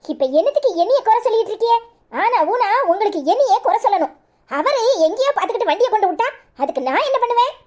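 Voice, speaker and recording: A woman voicing a defiant, sharp-tongued young wife in a cartoon, with a Tirunelveli Tamil accent and quick mocking retorts. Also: extremely high pitch, lively intonation. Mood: defensive.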